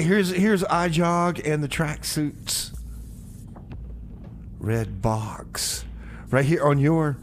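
Stammering and repeating himself, a man hosting a community radio music program rambles through stories in the studio. His mid-range voice has a darkish tone, and a little hiss or hum is audible.

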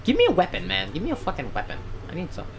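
High-voiced man yelling through gameplay. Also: huge pitch swings, racing, crowd noise. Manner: panicky yelling and frequent swearing. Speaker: gaming video host. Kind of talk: casual gameplay chat. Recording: background music under the voice.

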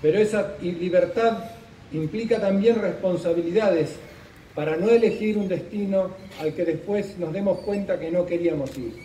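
A middle-aged man reading a formal commemorative speech at a podium outdoors, in a measured, solemn delivery with deliberate pauses. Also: high voice, warm tone, a little hiss or hum. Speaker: official speaker at a commemoration. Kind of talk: formal speech read from notes. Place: outdoor park gazebo at a ceremony. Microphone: podium microphone, recorded from a distance. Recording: roomy, distant open-air sound.

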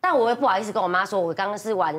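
A middle-aged woman on a TV studio panel, telling a story in casual chat. She is animated, acts out the voices she quotes, and laughs often. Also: medium pitch, rapid-fire, slight background noise.

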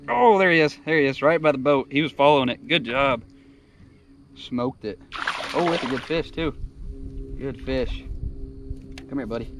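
A young man filming himself while fishing from a kayak on a pond, chatting casually, talking to the fish and whooping with excitement when one bites. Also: mid-range voice, normal speed, pauses often. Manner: laid-back, folksy, talks to the fish. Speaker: angler filming his own fishing trip. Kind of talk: casual outdoor commentary. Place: outdoors on a pond, standing in a kayak. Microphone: action camera on the boat. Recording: distant camera mic with wind and water noise.

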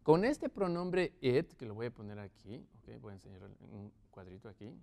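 A man teaching English to Spanish speakers, slowly drawing out each model phrase as he explains at a board. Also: fairly low pitch, animated, creaky, darkish tone.

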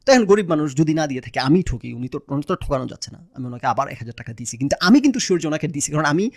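A man from Bangladesh, hosting a casual monologue and telling personal stories with animated exasperation. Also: fairly high pitch, racing, no room sound, studio quality. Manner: animated, exasperated storytelling that mimics his own retorts. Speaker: host.

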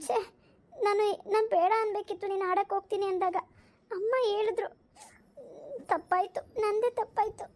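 A woman's voice: extremely high pitch, fairly even intonation, moderate pace, pauses often, a little mellow, voice pushed up. A woman voicing a caring older sister in a cartoon who comforts her crying brother. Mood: soothing. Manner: soothing, comforting.

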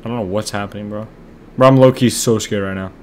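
A young man at home casually commentating a horror game, excitable and jumpy, with lots of slang. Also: on the low side, fast talker. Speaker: gamer. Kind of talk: let's-play commentary.

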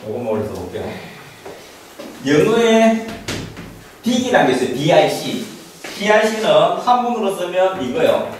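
A middle-aged man's high voice swings widely in pitch as he lectures parents informally at a moderate pace, pausing often. He's emphatic and frequently asks rhetorical questions. The setting is a small classroom, and though he uses a handheld mic, a distant camera records the echoey room along with background noise.

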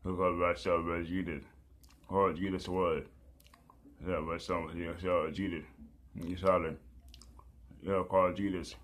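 Low, flat-voiced man praying and preaching. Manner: repetitive, halting, many fillers and pleas. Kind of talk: rambling prayer and preaching.

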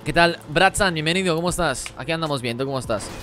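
A man streaming a game live, talking rapidly as he reads and answers the chat. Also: a little high, sharp tone, faint music behind. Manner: rapid-fire talk while reading chat. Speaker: gaming streamer.

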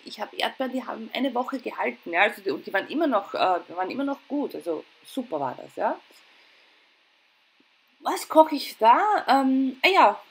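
A middle-aged woman with an Austrian accent, pitched fairly high, talks through her household routine as a home and cooking vlogger. Her tone is chatty, informal and self-deprecating. Background noise is clearly audible and the recording is rough.

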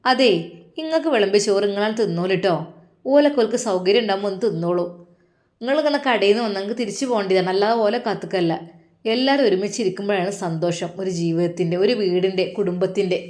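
A woman's voice: medium pitch, quick pace, darkish tone, close to an everyday voice. A woman voicing a harsh scolding mother. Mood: dismissive. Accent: Malappuram Malayalam. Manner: harsh, dismissive. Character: stern scolding middle-aged mother.

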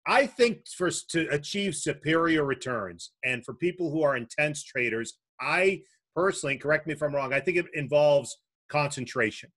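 Guy hosting a trading talk, a bit high voice, rambly and sweary. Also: animated, normal speed, fairly bright tone. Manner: rambling, loose and profane with many restarts. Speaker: host. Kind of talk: casual chat.

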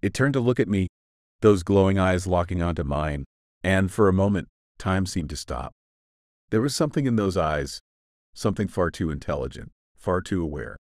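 A man's voice: low-pitched, animated, moderate pace, darkish tone, no echo, studio quality. A man giving a scripted first-person horror narration, grave and suspenseful in his storytelling.

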